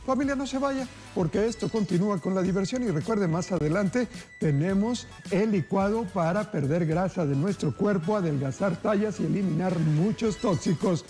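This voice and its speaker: A man's voice: high-pitched, normal speed, warm tone, soft background music. A man in his forties hosting a TV cooking show from a studio kitchen, chatting upbeat and folksy to viewers as family. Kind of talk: TV cooking segment, addressing viewers. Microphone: lapel mic.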